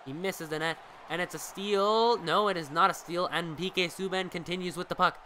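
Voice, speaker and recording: Brief: high, bright-voiced male streamer calling video game hockey play-by-play, excitable, swears casually at his viewers. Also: normal speed, slight background noise. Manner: excitable, bursts into loud shouts on big plays; casual and profane asides to viewers.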